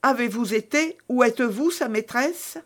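A woman's voice: medium pitch, expressive, a little slow, close to an everyday voice. A woman reading a novel aloud, voicing a trusting young novice nun with an eager, pleading manner. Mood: jealous. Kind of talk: audiobook character reading.

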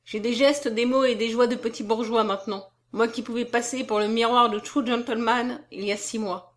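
A woman's voice: a little high, moderate pace, natural voice. Woman reading a cocky young guy, half joking half serious, storybook. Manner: lively, half mocking, half solemn. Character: young man, confident, teasing, self-assured suitor. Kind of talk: audiobook character voice.

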